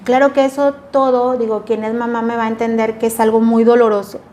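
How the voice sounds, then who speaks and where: Middle-aged woman, interview guest, earnest and reflective, slightly high voice. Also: flat delivery, fairly quick, a little mellow. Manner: earnest, reflective, acts out remembered dialogue. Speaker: guest sharing a personal story. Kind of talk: emotional personal testimony.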